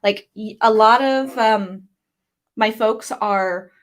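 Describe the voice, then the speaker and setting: A woman's voice: a little high, takes it slowly. A woman hosting a casual writing livestream from home, reading viewer comments aloud and rambling between them with lots of fillers. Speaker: livestream host.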